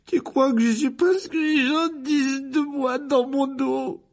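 A man's voice: very high-pitched, fairly even intonation, a little slow, pitched above the performer's own voice. A man voicing a weepy, self-pitying teenage girl ghost who sobs through her words in a storybook reading. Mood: sobbing self-pity. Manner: sobbing, whiny. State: crying.

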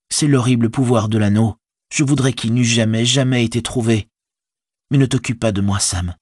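A man's voice: medium pitch, breathy edge, no echo, studio quality, voice pushed up, close to an everyday voice. A man voicing a burdened, haunted young hobbit in an audiobook, speaking intensely in a raised voice. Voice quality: intense, despairing. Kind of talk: audiobook character voice.

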